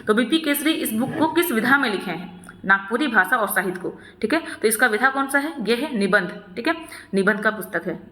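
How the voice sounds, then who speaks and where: Bright-voiced woman teacher, echoey room. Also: a little high, expressive, brisk. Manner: asks a question then answers it, repeats answers, frequent "ठीक है". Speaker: exam prep teacher. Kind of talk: solving practice questions. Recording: echoey room with long reverb.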